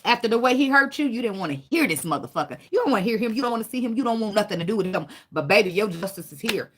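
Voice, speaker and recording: A woman's voice: on the high side, rapid-fire. Blunt, profane woman reading tarot. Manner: blunt, profane, preachy, animated. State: tearful, fighting back emotion. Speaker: tarot reader. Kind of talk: casual tarot reading monologue.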